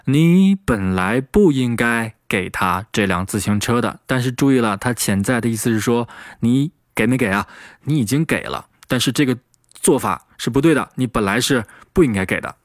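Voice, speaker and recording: A man gives an English lesson in a dry, close-sounding recording. He explains the phrases and drills them slowly, then repeats them at full speed. His voice sits at an ordinary middle pitch. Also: expressive, dry recording. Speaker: English teacher.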